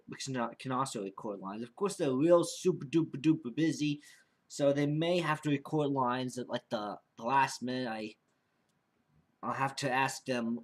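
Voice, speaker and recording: A young man, an amateur podcast creator, delivers a casual, unscripted vlog monologue in a mid-range voice, rambling and often repeating and restarting his phrases.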